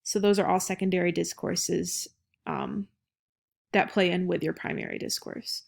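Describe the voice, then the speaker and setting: Young American woman presenting, noticeably creaky voice. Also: lowish voice, level tone, moderate pace. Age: young adult. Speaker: student presenter. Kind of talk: informal academic presentation.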